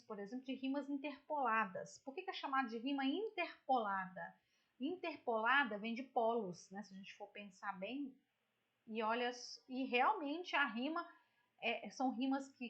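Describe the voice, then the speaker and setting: A Brazilian woman teacher with a high voice walks students through a poem on a shared screen. She talks in a chatty, explanatory way and keeps checking that everyone is following. The computer mic gives her voice a dull, lo-fi sound. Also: pushed and bright. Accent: Brazilian Portuguese. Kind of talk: online literature lesson, screen-share explanation.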